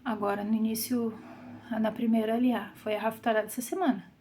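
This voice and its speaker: A woman with a Brazilian Portuguese accent leading a Bible study, reading scripture aloud and explaining it, sometimes dropping to a soft whisper for emphasis. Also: fairly high pitch, flat delivery, fairly quick, slight background noise. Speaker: Bible teacher.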